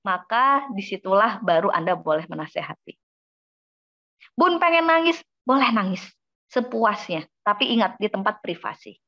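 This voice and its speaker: A woman giving a lively parenting talk in a webinar. She asks questions and then answers them herself. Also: medium pitch. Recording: dull lo-fi webinar audio.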